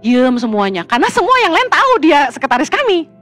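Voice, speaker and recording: A middle-aged woman pastor, preaching a lively, colloquial sermon full of humorous stories. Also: sits high, fast talker, soft background music.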